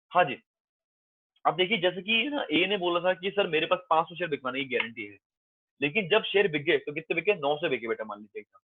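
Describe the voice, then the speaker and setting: In a fairly high voice, a man lectures a commerce class, coaxing and reassuring his students, whom he calls "beta," and repeating points often. The sound is dry, tinny, and phone-like, with no room sound.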